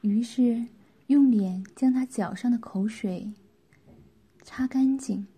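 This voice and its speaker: A woman giving a hushed, intimate, whispered role-play narration of a story. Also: on the high side, slow pace, husky. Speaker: story reader.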